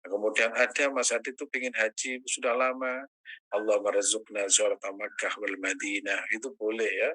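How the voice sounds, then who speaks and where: A man teaching as an ustaz in a religious study session, answering questions, quoting Arabic prayers and rising high in pitch when stressing a point. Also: flat delivery, moderate pace, sharp tone, low-quality recording.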